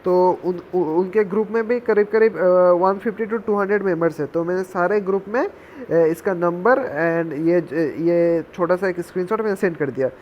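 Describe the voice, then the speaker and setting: Young guy, pretty high voice, chatty vlog rant calling everyone bhai, kinda dull lo-fi audio. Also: moderate pace. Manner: chatty, mixes in English and calls listeners "bhai". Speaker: gaming channel creator. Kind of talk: casual warning vlog. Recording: slightly dull audio with faint background noise.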